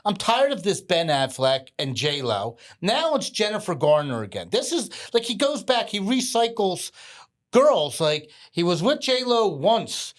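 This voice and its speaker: A man's voice: sits high, sing-song, measured pace. A man co-hosting a podcast in casual chat, talkative and laughing as he tells stories. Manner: chatty, laughs while talking. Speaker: podcast co-host.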